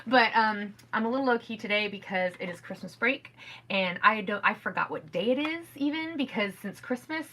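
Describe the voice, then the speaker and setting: A middle-aged woman hosting a casual podcast from home, telling stories in a rambling, animated way. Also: medium pitch, moderate pace, a little hiss or hum. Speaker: podcast host. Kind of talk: casual chat.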